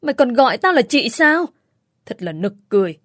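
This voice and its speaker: A scornful older sister curses with cold contempt that flares into shouts, as a woman reads her aloud in a storytelling recording. The voice sits close and dry. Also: on the high side, sing-song, fairly quick, no room sound, pitched above the performer's own voice. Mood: contemptuous. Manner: contemptuous, cursing.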